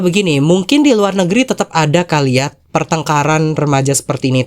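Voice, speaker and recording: A YouTube commentary channel host with a Jakarta Indonesian accent speaks to viewers in a casual, chatty, sassy way with dramatic asides. A cold leaves the voice congested and nasal, and its mid-range pitch falls between a man's and a woman's.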